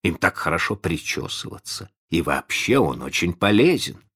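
A man's voice: sits low, sing-song, normal speed, fairly bright tone, slightly rough, exaggerated voice. A man voicing a dim loyal pirate boatswain. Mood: plain. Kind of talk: storybook reading.

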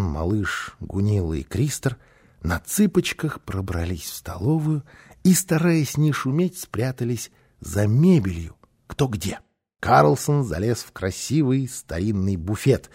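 A man reading a children's story aloud as narrator, expressive and lively in his storytelling. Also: fairly low pitch, vocal fry, husky. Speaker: audiobook narrator.

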